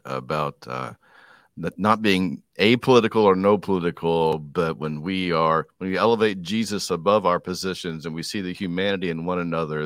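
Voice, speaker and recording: A man hosting a podcast, asking relaxed questions and giving short listening responses. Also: low-pitched, dry recording, clean studio sound. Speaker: podcast host. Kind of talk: conversational interview.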